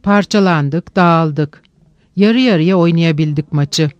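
A weary, sad young woman speaks in a quiet, plain way, voiced by a man reading a novel aloud. The voice sits high and clear, close to the mic with no room sound. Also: slow, dry recording, lo-fi sound. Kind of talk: audiobook reading.

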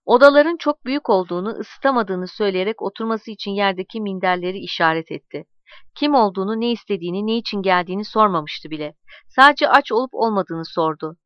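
A woman narrating a story aloud in a calm, measured reading voice, voicing the dialogue as she goes. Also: mid-range voice, dry recording, highs cut off.

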